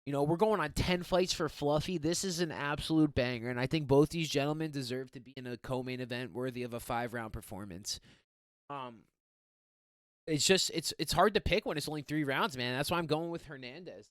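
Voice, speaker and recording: A young man hosting a casual fight-picks show, rambling excitedly with lots of slang. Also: a little high, a little fast, dry recording, studio quality. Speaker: MMA fight picks host. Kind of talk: casual fight preview monologue.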